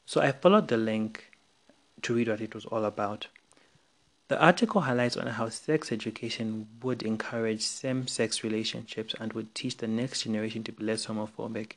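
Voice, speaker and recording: A young man from Zambia with a Zambian English accent, hosting an opinion podcast in an earnest, frank, scripted monologue. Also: on the low side. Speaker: podcast host.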